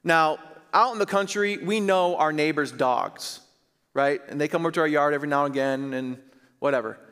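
A man in his thirties, a pastor preaching on a church stage, earnest and emphatic, slowing to stress key phrases. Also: a little high, a bit bright, smooth. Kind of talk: sermon. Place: large church stage, indoors. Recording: reverberant church hall.

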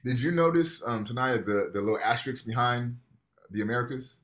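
A man in his thirties gives a casual college lecture over a video call from a room at home, picked up by his webcam mic. His mid-range voice is a bit bright, with lively intonation and a brisk pace, as he reads passages aloud and explains them conversationally.

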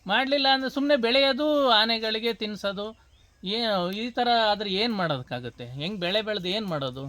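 Village farmer man, very high bright voice, frustrated, asks pointed questions, dry close sound. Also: lively intonation, a little fast, no room sound. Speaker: farmer interviewed. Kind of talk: field interview complaint. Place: farm field outdoors.

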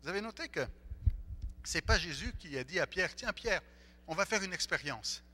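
A man preaching a sermon as pastor, speaking in an animated way and acting out the voices of the people in the story. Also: high-pitched, normal speed. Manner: animated, acts out the disciples' voices. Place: church. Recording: echoey church hall, faint hum.

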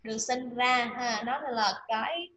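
A woman teaching pronunciation, drilling words aloud and repeating each one slowly. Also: a little high, pushed and bright, muffled recording, slight background noise. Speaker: English teacher. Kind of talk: pronunciation lesson.

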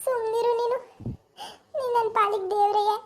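A woman's voice: extremely high pitch, fairly even intonation, a little fast. A woman voicing a humble, tearful old village aunt in a cartoon, with a pleading, self-reproaching manner. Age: older. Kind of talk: cartoon voice acting.

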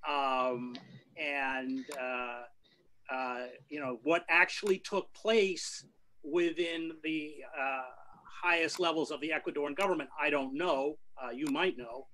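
A middle-aged man answering a press question over a video call from a book-lined study, firm and measured with many fillers. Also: on the high side, steady tone, sharp tone, slight background noise, rough recording. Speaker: panelist. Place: home study with bookshelves. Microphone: video call webcam.

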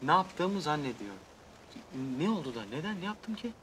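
A man's voice: fairly high pitch, very animated, moderate pace, a bit bright, slight background noise. An actor playing a flustered, lovesick young man who rambles defensively and pleads. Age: young adult. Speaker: lead actor in a TV comedy series.

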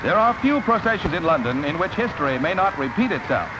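A man narrating an old newsreel in a brisk, upbeat announcer style. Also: a little high, sing-song, heavy background noise. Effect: old newsreel sound. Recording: dull lo-fi 1940s newsreel with music.

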